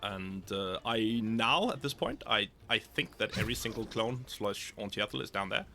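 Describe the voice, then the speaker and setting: A man's voice: fairly low pitch, moderate pace, sharp tone, soft background music. A man casually commenting over his own gameplay, thinking aloud and often restarting his sentences.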